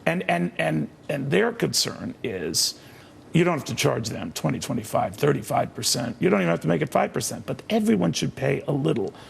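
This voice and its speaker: A middle-aged man hosts a TV news interview, his voice gravelly with fry and set a little high for a man. He presses and cuts in with pointed questions, and a faint rumble sits under the line. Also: sing-song, fairly quick. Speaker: TV news host.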